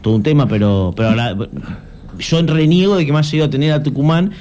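A young adult man with an Argentine Spanish accent appears as a journalist guest in a conversational interview, explaining things earnestly and frequently restarting. His voice is on the high side, fast, and a bit mellow.

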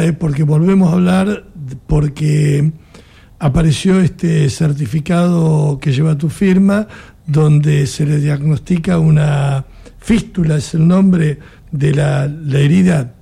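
A man with an Argentine Spanish accent, his voice gravelly, dark and husky. He questions his guest insistently but casually, like a radio host talking things through. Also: a little high, unhurried. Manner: conversational, probing, self-deprecating. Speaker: radio interviewer. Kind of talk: radio interview.

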